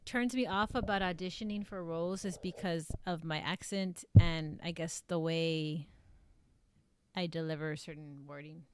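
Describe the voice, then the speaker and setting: Here the streamer, a South Texas woman with a Mexican-American Texan accent, chats loosely over viewer comments and keeps reaching for "like" and "um." Low and steady, she speaks at a moderate pace with slight noise behind her.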